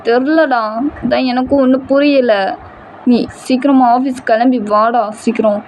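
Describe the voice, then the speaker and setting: An anxious young man, a loyal friend who frets and pleads, as a woman reading a fan story puts him on. The voice sits somewhat high, with faint noise behind it. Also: steady tone, a little slow, darkish tone. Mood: worried.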